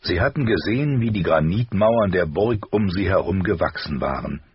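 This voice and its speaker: A man narrating an audiobook in a measured, grave storytelling manner. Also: low voice, expressive, muffled recording, a little hiss or hum. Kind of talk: scripted narration.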